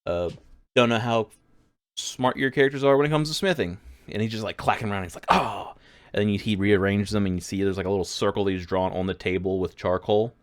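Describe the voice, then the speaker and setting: A man's voice: lowish voice, fast talker. A man narrating a tabletop game as game master, rambling with lots of fillers. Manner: rambling, filler-heavy, laughs a lot.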